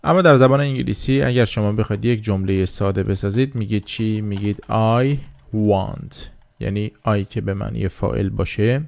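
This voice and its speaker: Gravelly low-voiced man teaching slowly. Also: fairly even intonation, a little mellow, dry recording. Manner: slow drilling repetition of words, patient explaining. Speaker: English teacher. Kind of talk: beginner language lesson.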